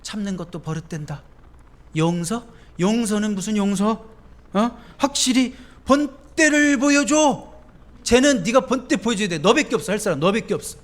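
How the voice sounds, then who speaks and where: A man's voice: sits high, normal speed, pitched above the performer's own voice, close to an everyday voice. Casting: a goading, insistent devil, raised and pushy, put on by a man preaching. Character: taunting devil egging someone to fight.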